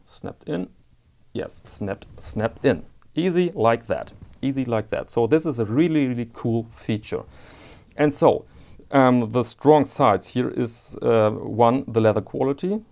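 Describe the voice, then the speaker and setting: A man's voice: mid-range voice, slow, vocal fry, a little mellow. A man giving a casual watch strap review, hesitant and often repeating words as he searches for them, with candid personal opinions.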